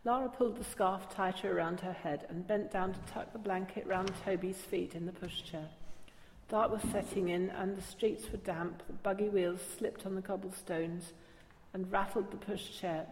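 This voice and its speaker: A woman giving a calm, steady storybook reading. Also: medium pitch, slight background noise. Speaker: narrator. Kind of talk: storybook narration. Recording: long reverb, faint ambience.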